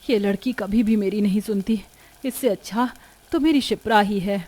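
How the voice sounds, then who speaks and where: A woman voicing a tired middle-aged mother in a storybook, softly scolding her daughters. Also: medium pitch, normal speed, close to an everyday voice. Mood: weary. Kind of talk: storybook voice acting.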